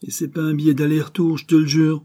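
A man voicing a rough, hard-drinking laundry worker whose raised, excitable voice slurs and mumbles when he's drunk. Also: lowish voice, normal speed. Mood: excited, rowdy. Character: rough, boozy laundry worker, lamenting and wild. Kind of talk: audiobook character voice.

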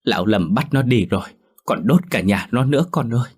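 Một người đàn ông giả giọng bà mẹ nghèo lớn tuổi, nói nghẹn ngào, rưng rưng. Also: male voice, medium pitch, expressive, brisk, darkish tone, husky, voice pushed up. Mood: grieving. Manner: choked, tearful. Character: grieving poor old mother.

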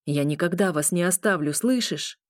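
A woman's voice: lowish voice, moderate pace, dry recording, studio quality, close to an everyday voice. A woman voicing a protective, stubborn male werewolf who speaks in firm, growled declarations.

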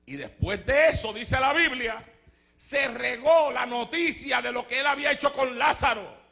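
A man preaches a fiery sermon in a strikingly high, gravelly voice. He swings from shouted declarations to hushed storytelling and breaks into speaking in tongues. The recording sounds dull and lo-fi. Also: moderate pace. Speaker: pastor. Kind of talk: Pentecostal sermon.

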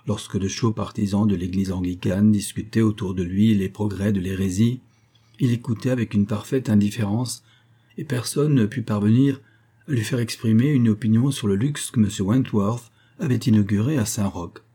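A man giving a measured, even reading of a classic novel as narrator. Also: on the low side, slightly rough. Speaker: audiobook reader.

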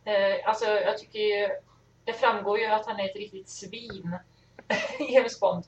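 A woman's voice: medium pitch, steady tone. Opinionated woman talking a bit far from the mic, echoey, dull lo-fi, faint hiss. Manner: blunt, opinionated, laughing. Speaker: podcast co-host. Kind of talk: casual chat. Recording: distant, roomy, lo-fi sound with faint noise.

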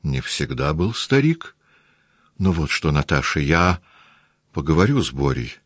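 A man reading an audiobook, voicing a gentle, indulgent aging mother who speaks softly, slowly and patiently. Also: very deep voice, sing-song, husky, no room sound, clean studio sound, heavily acted. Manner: soft, slow, patient. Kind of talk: audiobook character voice.

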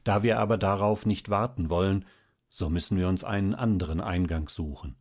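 A man doing a soft-spoken earnest young man. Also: sits low, brisk. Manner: soft, pleading, then serious.

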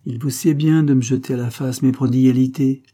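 A bitter, trapped impostor duke, gloomy and defensive, played by a male audiobook reader. His voice is very dark and mellow, with a husky edge. He speaks like a man cornered by someone who holds power over him. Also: on the low side, moderate pace. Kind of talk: audiobook character voice.

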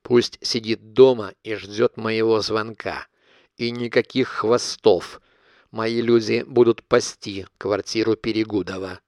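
A man's voice: fairly low pitch, steady tone, measured pace, no room sound, clean studio sound. A man reading an audiobook voices a cold, calculating middle-aged blackmailer who dictates his terms in a cool, clipped manner.

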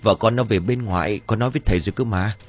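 A man voicing a panicky, cowardly young village husband who shouts and pleads in a high voice. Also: very fast, soft background music, lightly acted. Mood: pleading. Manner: shrill, frantic yelling.

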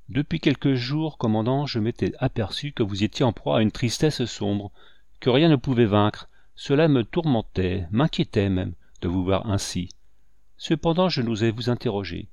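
A man's voice: on the low side, expressive, normal speed, creaky, darkish tone, dry recording, muffled recording. A man reading as a humble, remorseful captain. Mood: pleading, contrite. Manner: humble, pleading, contrite. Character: devoted, remorseful male captain, humble and pleading.

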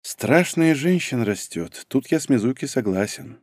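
A man narrating a first-person novel in an expressive, wry manner. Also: medium pitch, normal speed, no echo, studio quality. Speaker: audiobook narrator.

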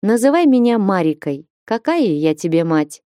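A woman voicing an old village witch and healer who speaks slowly and staidly, with a grumbling tone. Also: mid-range voice, big pitch swings, mellow, no room sound, studio quality, natural voice.

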